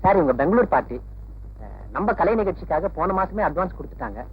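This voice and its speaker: Quick businesslike manager. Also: male voice, high-pitched, animated, dull audio. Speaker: manager introducing visitors. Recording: thin, husky old film soundtrack.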